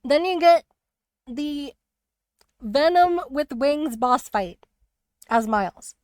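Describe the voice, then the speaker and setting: A woman streamer chatting casually about a video game, rambling and animated with lots of fillers. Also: high voice, slow, no room sound. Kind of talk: casual spoiler chat on a live stream.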